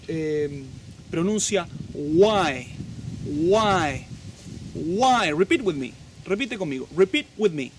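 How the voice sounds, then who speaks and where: A man's voice: high voice, slight background noise. A man who speaks Spanish as his first language, teaching English in a lesson and drawing out model words to be repeated. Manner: slow, drawn-out model pronunciations with lively teacherly emphasis.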